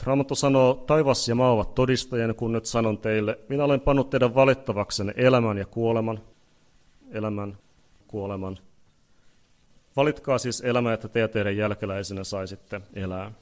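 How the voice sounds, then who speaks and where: A man preaching an evangelistic sermon, pleading earnestly with listeners, repeating phrases and building to loud peaks before leading a prayer. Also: mid-range voice, steady tone, few pauses. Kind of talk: leads a spoken prayer.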